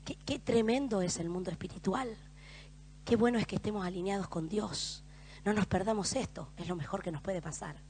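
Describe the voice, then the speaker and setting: A middle-aged woman with an Argentine accent preaching a sermon in church, moving between loud, emphatic exhortation and hushed storytelling. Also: medium pitch, moderate pace, slight background noise. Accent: Argentine Spanish.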